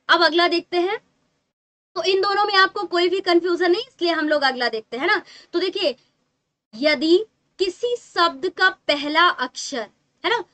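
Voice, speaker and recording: A woman's voice: very high voice, bright, forceful tone. A woman teacher giving a patient English grammar lesson to children, often checking with short tag questions and drawing out key words.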